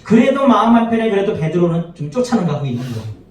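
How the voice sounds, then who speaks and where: A man's voice: high voice, big pitch swings, fast. A man, a pastor, preaching a sermon to his congregation, often asking them rhetorical questions and acting out the quoted lines. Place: church sanctuary. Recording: very echoey hall, voice from far off.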